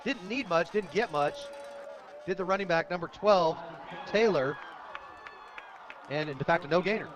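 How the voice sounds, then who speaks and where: An American man with a high-pitched voice calls live radio play-by-play of a football game, reading sponsor plugs between plays. He talks at normal speed with long pauses while a crowd is heard behind him, in a dull, lo-fi outdoor broadcast.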